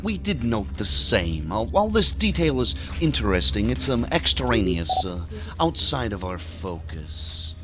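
An actor with a lowish, very animated voice plays an officious male federal agent who is easily irritated, briefing colleagues formally, measuredly and pompously for an audio drama. Music runs underneath, and his mood is irritated condescension.

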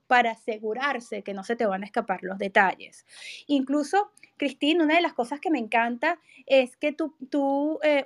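A woman with a high voice leads a training talk for agents. She instructs emphatically, punctuating her points with short questions to make sure everyone follows. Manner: emphatic, checks understanding with short tag questions. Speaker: real estate trainer and host.

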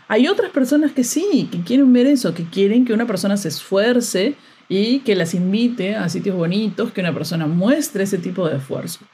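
A woman's voice: medium pitch, darkish tone, slightly rough. A young woman, hosting a podcast as a casual, exasperated monologue with frequent laughter. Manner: chatty, exasperated, laughs often. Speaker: podcast host.

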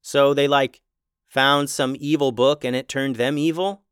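A man's voice: mid-range voice, steady tone, measured pace, fairly bright tone, smooth, no room sound, studio quality, lightly acted. A man voicing a blunt, casual young kid apprentice full of questions.

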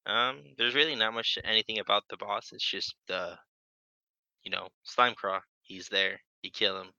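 Man, podcast co-host, laid-back, very sharp bright tone, dry close sound. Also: fairly low pitch, fairly even intonation, normal speed, vocal fry, dry recording, muffled recording. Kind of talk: casual gaming podcast chat.

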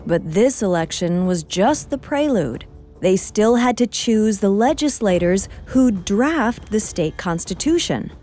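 A woman co-hosting a history podcast, reading a script in a measured way. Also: medium pitch, expressive, mellow. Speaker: podcast co-host. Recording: faint music bed.

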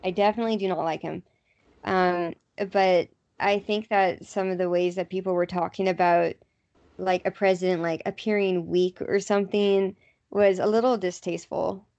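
A woman's voice: on the low side, level tone, moderate pace, darkish tone. Podcast lady chatting loose, says like a lot, kinda dull lo-fi sound. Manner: chatty, filler-heavy with lots of "like". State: hiccuping. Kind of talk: casual chat.

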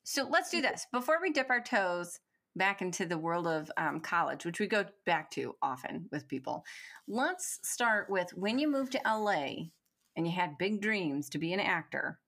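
A woman's voice: lowish voice, very animated, moderate pace, fairly bright tone. A woman from Michigan with a strong Great Lakes accent, hosting a casual podcast interview in a playful, teasing way. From Michigan, USA. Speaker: podcast host.

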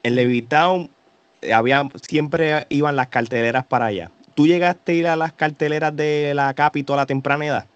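A man hosting a wrestling podcast, friendly and quick with affirmations. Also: a little high, steady tone, smooth, no echo, lo-fi sound. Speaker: podcast host. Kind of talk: casual interview.

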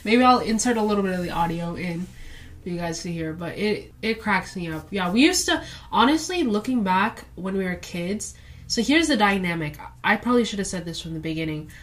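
A woman's voice: medium pitch, expressive, brisk. Chatty young woman hosting a podcast. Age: young adult. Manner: chatty, teasing storyteller who laughs often. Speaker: podcast host. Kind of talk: casual chat.

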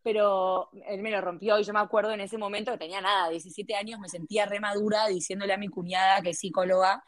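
An Argentine woman hosts a casual podcast chat, chatty and playful as she asks and shares. Her voice is mid-pitched for a woman. The sound is close and dry with no room echo. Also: fairly even intonation, fast. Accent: Argentine Spanish. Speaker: podcast host.

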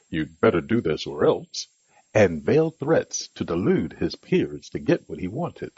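A man's voice: fairly low pitch, husky, no room sound, muffled recording. A man hosting a podcast, reading a scripted monologue with an emphatic, instructive delivery. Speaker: podcast host.

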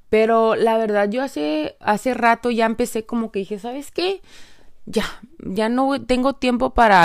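A woman's voice: fairly low pitch, gravelly, smooth, dry recording, studio quality. A woman with a Mexican accent hosting a casual podcast monologue, chatty and upbeat, speaking straight to her listeners with lots of little filler tags. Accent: Mexican Spanish. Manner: frequent filler tags like "¿no?" and "entonces". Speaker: podcast host.

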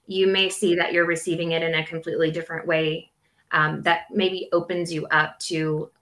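Bright-voiced woman explaining astrology casually. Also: deep voice, little pitch movement, normal speed. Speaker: astrology forecast commentator.

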